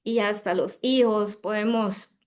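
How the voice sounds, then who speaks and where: A woman instructing a workshop on pronunciation and voice, emphatic, demonstrating words slowly and carefully. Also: medium pitch, fairly even intonation, darkish tone. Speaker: diction and voice instructor.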